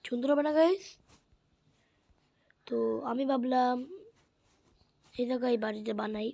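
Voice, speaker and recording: A woman, giving excitable casual commentary while playing a video game. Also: fairly high pitch, unhurried. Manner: excitable, keeps saying "bhai". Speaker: gamer streamer.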